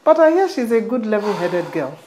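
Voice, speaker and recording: A woman's voice: medium pitch, sing-song, fairly quick, a little mellow, a little hiss or hum, close to an everyday voice. An actress with a Nigerian accent playing a devout middle-aged mother who lectures her married daughter. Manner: preachy, lecturing. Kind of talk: film acting.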